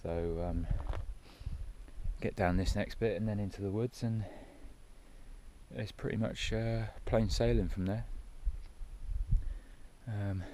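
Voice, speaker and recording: A man with a very low voice, out of breath as he picks his way down a mountain outdoors. His talk is loose and chatty, vlog-style. A faint hiss sits behind him. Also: fairly even intonation, slow, long pauses, warm tone. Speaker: hiking vlogger. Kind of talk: casual hiking vlog commentary. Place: outdoors on a steep mountain descent.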